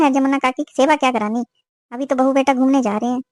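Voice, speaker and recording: Woman voicing a sharp-tongued mother-in-law. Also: high voice, a little fast, no echo, natural voice. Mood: friendly. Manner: scolding, complaining. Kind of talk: cartoon voice acting.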